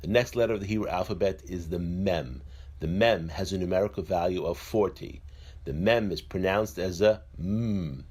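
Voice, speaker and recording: A man calmly and methodically explaining letters one by one, in a slow instructional way. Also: low voice. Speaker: teacher. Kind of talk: instructional narration.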